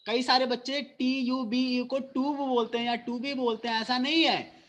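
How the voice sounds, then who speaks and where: A man's voice: extremely high pitch, level tone, normal speed, a bit bright. A male school teacher giving an online phonics lesson, mixing Hindi and English, patiently repeating and quizzing his students.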